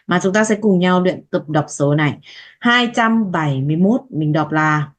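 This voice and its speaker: A woman teacher giving a language lesson, saying each word slowly and twice so students can repeat it. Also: on the low side, expressive. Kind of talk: slow language lesson, repeating words for practice.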